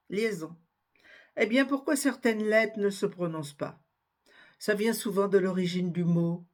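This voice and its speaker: A woman giving a spelling and pronunciation lesson, slowly spelling out letters and examples one by one. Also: fairly low pitch. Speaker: French teacher.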